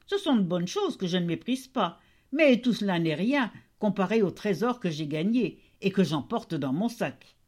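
A woman's voice: medium pitch, animated, normal speed, a little mellow, natural voice. A woman voicing a boastful young male turner in a fairy tale reading.

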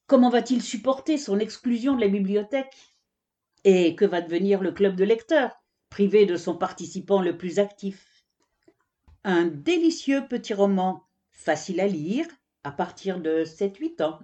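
A woman reading a children's storybook aloud with expressive, lively storytelling. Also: mid-range voice, a little slow, dull audio. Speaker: reader.

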